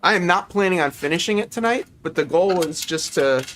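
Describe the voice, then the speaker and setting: This middle-aged livestream host has a high, expressive voice with a fairly bright tone, talking fairly quickly over slight background noise. Joking and teasing, he keeps up casual conversation while assembling model kits at his workbench during a group video call.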